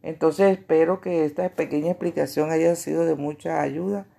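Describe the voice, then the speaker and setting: Gravelly-voiced woman teaching children. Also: low voice, steady tone, warm tone. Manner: slow, deliberate explaining with rhetorical questions. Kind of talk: spoken grammar lesson for children.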